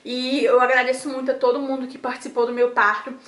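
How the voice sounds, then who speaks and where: A woman's voice: sits high, level tone, fast, a bit bright, echoey room. A young woman from Brazil with a Brazilian Portuguese accent, casually telling viewers her birth story in a chatty vlog style, restarting her sentences often. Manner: chatty, many restarts, talks straight to viewers.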